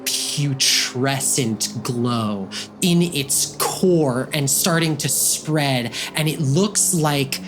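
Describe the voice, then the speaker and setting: A man game master improvises fantasy narration at an unhurried pace, in a mid-pitched voice. He describes scenes vividly, with music playing behind him.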